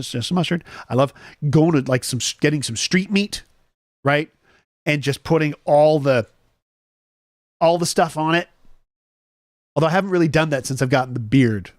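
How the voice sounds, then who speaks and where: A young man chats loosely on a relaxed morning stream, wandering from story to story and tossing jokey asides to his viewers. His voice sits at a middle pitch. The recording is close and dry, with almost no room sound. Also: moderate pace, pauses often, no echo. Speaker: host. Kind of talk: casual morning chat with live chat.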